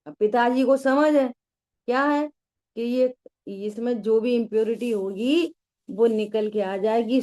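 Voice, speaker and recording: A woman's voice: a little high, darkish tone. Woman teaching scripture with rhetorical questions. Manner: acts out quoted voices. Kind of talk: religious discourse.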